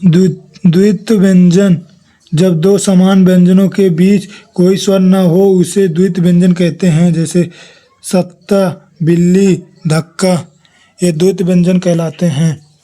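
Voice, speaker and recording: A man's voice: high-pitched, steady tone, measured pace, dark tone. A man giving an exam revision lesson, reading his notes aloud and listing letters one by one. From India. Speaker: teacher.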